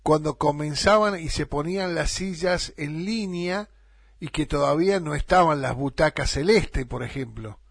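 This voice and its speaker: A middle-aged man with an Argentine accent, hosting a radio interview and reminiscing in a halting way with fillers. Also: fairly high pitch, creaky, husky, dry recording, studio quality. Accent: Argentine Spanish. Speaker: radio host.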